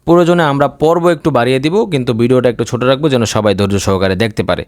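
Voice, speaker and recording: Bangla man teaching Quran, slow spelling. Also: medium pitch, a little mellow, dry recording, studio quality. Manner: slow letter-by-letter spelling, drawn-out vowels. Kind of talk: spelling out Quran recitation lesson.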